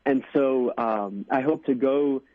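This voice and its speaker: A man's voice: mid-range voice, takes it slowly, no room sound. A young American man in his twenties, a deacon being interviewed, speaking earnestly with many fillers and restarts. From United States. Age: 20s. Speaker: deacon, guest. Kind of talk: interview on radio. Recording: dry tinny phone line.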